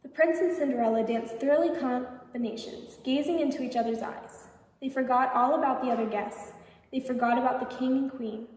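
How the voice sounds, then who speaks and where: A woman reading a children's picture book aloud at a library storytime, gently asking the children questions. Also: sits high, normal speed. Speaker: storytime reader. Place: library event room. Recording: echoey hall, distant mic.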